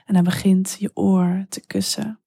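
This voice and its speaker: A woman telling an intimate story in whispered role-play, slow and hushed. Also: medium pitch, level tone, husky, no echo, clean studio sound.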